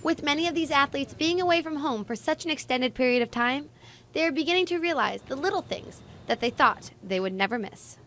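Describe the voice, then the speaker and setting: Brief: young woman, student TV reporter, high voice, scripted news read, faint background hum. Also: animated, brisk, a bit bright.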